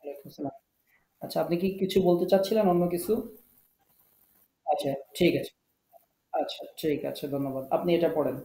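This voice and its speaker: A man's voice: on the high side, brisk, long pauses, dark tone, roomy sound, low-quality recording. A man teaching a live online Quran recitation class, calling on students one by one, patiently correcting and drilling their pronunciation. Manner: patient, coaxing, repeats drills and gives tech help.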